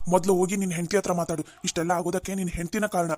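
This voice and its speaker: A man's voice: sits high, little pitch movement, racing, a little mellow. A man doing a stern lecturing cartoon father. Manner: blaming, lecturing. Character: stern middle-aged father, head of a well-off family. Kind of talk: cartoon family drama voice acting.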